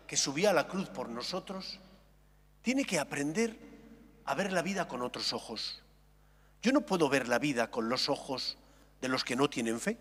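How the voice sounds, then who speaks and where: Slow-speaking priest in cathedral-like echo. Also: male voice, on the high side, a bit bright. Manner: slow, measured, deliberate phrasing. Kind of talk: solemn liturgical reading and homily. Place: large echoing church. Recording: echoing cathedral-like hall, long reverb.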